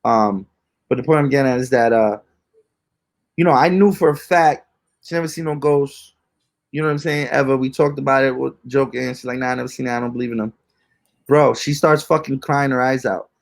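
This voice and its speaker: A man's voice: medium pitch, fairly quick, vocal fry. A young man co-hosting a podcast, telling ghost stories in casual, slangy, rambling chat with lots of fillers. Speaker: podcast co-host.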